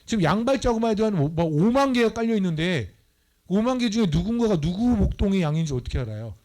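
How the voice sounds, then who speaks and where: A man's voice: high voice, big pitch swings, fast, dark tone. Man preaching, playful and teasing. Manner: playful, teasing the audience, acts out voices. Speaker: missionary preacher. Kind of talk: lively Bible study sermon. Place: church.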